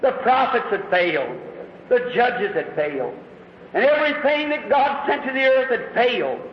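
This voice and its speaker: A man preaching a sermon, telling stories dramatically and rising to shouts. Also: very high voice, expressive, normal speed, a little hiss or hum. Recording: echoey hall, dull lo-fi recording.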